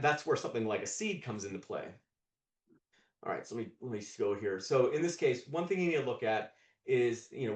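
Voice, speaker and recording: Man demoing software over a roomy video call. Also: fairly low pitch. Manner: thinks aloud with frequent restarts and repeated words. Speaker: presenter of a live coding session. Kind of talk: live screen-share demo. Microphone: video call mic. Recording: roomy echo.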